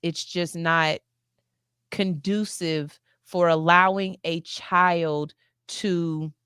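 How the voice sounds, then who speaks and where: A woman's voice: lowish voice, steady tone, extremely slow, fairly bright tone, smooth, no echo, clean studio sound. Earnest woman host in her forties. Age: 40s. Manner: earnest, emphatic, repeats phrases. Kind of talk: heartfelt talk-show monologue.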